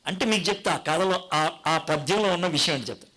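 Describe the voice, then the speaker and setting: Guy preaching at a church gathering, acts out the characters, bright sharp voice. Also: a little high, a little fast. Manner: animated storytelling, acts out quoted voices. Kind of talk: sermon.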